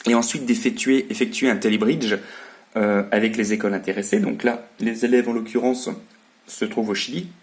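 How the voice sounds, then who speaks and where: A man explaining his radio hobby in a casual, hesitant vlog style, halting as he talks. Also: on the low side, fairly even intonation. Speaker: amateur radio hobbyist presenting.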